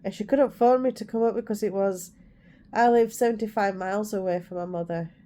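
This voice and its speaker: Speaking briskly in a medium-pitched, steady, dark voice, a woman in her forties shares personal stories with her viewers. She has an English accent with a hint of Scouse, keeps it casual, and corrects herself along the way.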